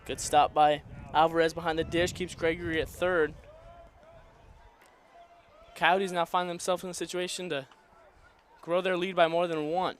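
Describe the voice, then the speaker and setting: A man's voice: a little high, level tone, moderate pace, pauses often. A man doing color commentary on live college baseball from a ballpark press box, with dry teasing humor.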